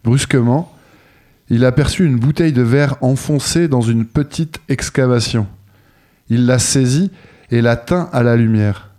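A man narrating a fairy tale in a steady storytelling manner. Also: mid-range voice, a little slow.

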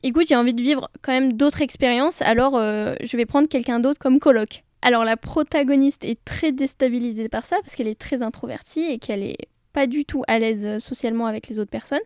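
A woman's voice: on the high side, brisk, a little mellow, clean tone, no echo, clean studio sound. A young woman casually talking about books she loves, enthusiastic and chatty, with frequent hesitations. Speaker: book vlogger. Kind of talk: casual book chat.

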